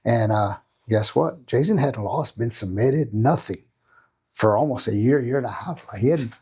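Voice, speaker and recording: A man's voice: medium pitch, normal speed, warm tone, husky. A middle-aged man, a jiu-jitsu coach telling a long story as a podcast guest, tagging many sentences with questions. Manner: rambling anecdote with many tag questions.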